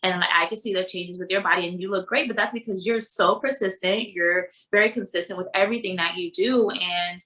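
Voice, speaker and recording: A woman guest in a casual interview, telling lively stories, acting out dialogue and saying "like" often. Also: fairly low pitch, brisk, few pauses. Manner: animated storyteller, acts out dialogue, heavy use of "like".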